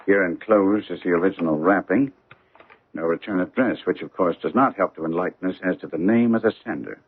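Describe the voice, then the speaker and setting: An actor playing Sherlock Holmes as a brisk, dryly amused gentleman detective in a radio mystery, with precise, formal phrasing. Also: deep voice, slightly rough. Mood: thoughtful, dry. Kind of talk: radio mystery drama acting. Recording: muffled, narrowband old radio recording.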